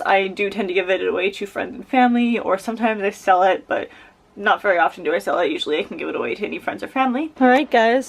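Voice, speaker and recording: A woman vlogger chatting casually and playfully about her things in informal, slangy language, with a fan running as she talks. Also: mid-range voice. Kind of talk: casual beauty declutter chat. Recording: steady fan noise behind voice.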